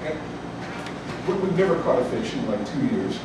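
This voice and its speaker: Over the chatter and ambience of an echoey cafe, a man in his sixties from Chicago's South Side tells a story live, with folksy, funny asides. His medium-pitched voice is expressive at a moderate pace, caught on a distant mic with background noise.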